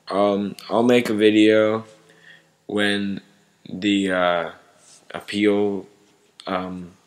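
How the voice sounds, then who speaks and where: A man giving casual, unscripted sports commentary to online viewers in a halting way, searching for words. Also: on the low side.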